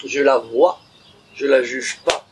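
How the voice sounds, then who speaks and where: A man giving a spiritual conference lecture, animated and acting out little inner dialogues while calling his listeners habibi. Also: mid-range voice, slow, slight background noise, rough recording. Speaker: conference speaker.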